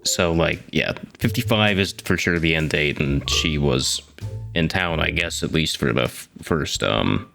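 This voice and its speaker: A man with an extremely deep, creaky voice chats casually as a player in a tabletop role-playing game. Faint guitar music runs behind him. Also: expressive, a little slow. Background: soft guitar music.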